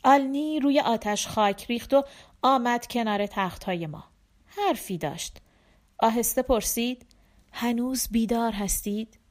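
Female audiobook narrator, measured storytelling, slightly high voice. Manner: measured, slows on sung refrains. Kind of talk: scripted narration.

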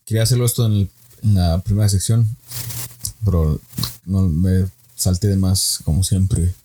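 A man's voice: deep voice, steady tone, moderate pace, dark tone, slight background noise. A young man with a Mexican accent, hosting a casual solo podcast, joking around, mimicking people and laughing often. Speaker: podcast host.

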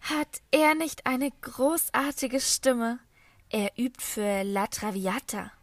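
A woman's voice: a little high, lively intonation, a little slow, creaky, a bit bright, no echo, heavily acted. A woman doing a gushing sing-song hostess. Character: cheerful bubbly woman, the narrator's aunt-like host.

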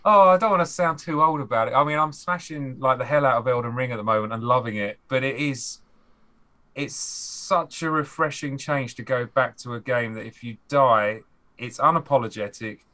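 A man's voice: medium pitch, normal speed, sharp tone. A man, a game designer guest on a podcast, talking animatedly and acting out players' reactions. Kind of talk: podcast conversation.

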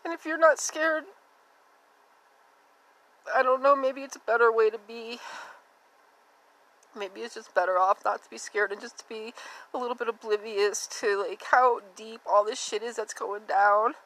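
A woman's voice: on the high side, fairly even intonation, normal speed, long pauses, fairly bright tone, poor audio. A woman hosting a podcast, talking in a candid, rambling personal monologue with many fillers and a subdued, unsteady delivery. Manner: rambling and confessional, with frequent fillers. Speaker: podcast host.

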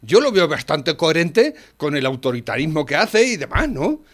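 Man, Spanish accent, blunt swearing rant in casual talk, rises to near shouting. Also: fairly high pitch, big pitch swings, moderate pace. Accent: Spanish from Spain. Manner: blunt, swears freely, rants loudly with frequent "¿eh?". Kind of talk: casual political chat.

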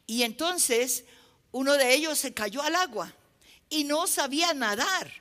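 A woman's voice: high-pitched, animated, unhurried, a bit bright. A woman preaching a sermon, emphatic and repeating phrases for effect while telling anecdotes.

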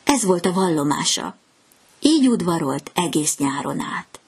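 A woman with a low, husky voice reads a fairy tale aloud. She keeps a gentle, measured storytelling pace. Her tone is soft and breathy. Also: big pitch swings.

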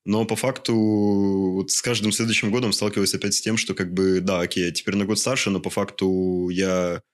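A man's voice: sits low, flat delivery, normal speed. A man in his twenties, an interview guest, answering in a hesitant way and searching for words with many fillers. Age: 20s. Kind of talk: casual interview conversation.

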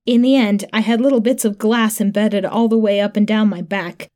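A woman narrating a first-person sci-fi horror story in a calm, matter-of-fact way. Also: mid-range voice, normal speed.

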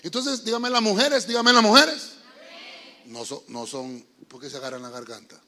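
A man's voice: medium pitch, big pitch swings, normal speed, pushed and bright. A man preaching a youth sermon as pastor, emphatic and calling his listeners brother while quizzing them. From Honduras. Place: church sanctuary. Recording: long reverb of a church hall.

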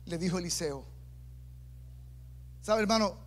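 High-voiced man preaching with playful asides. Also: measured pace. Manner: animated preaching, acting out quoted voices with humorous asides. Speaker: pastor. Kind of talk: sermon.

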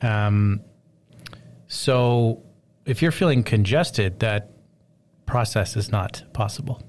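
A man telling a long personal story in casual chat, rambling and animated, full of fillers. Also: lowish voice, slow, slight background noise.

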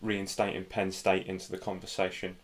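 A man's voice: low-pitched, completely flat delivery, moderate pace. A man chatting casually as a co-host on a sports podcast.

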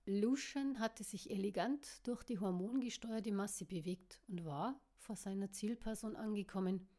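Brief: woman narrating her novel, plain and unhurried, mid pitch. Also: warm tone. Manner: plain narration with small slips. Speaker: author reading her novel. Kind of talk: reading a novel aloud.

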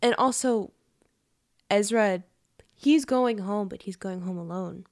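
A young woman co-hosting a podcast, backing up her partner with frequent affirmations and calm, thoughtful remarks. Her pitch is middle range and the sound is close and dry. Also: takes it slowly, no room sound. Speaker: podcast co-host. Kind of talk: casual review chat.

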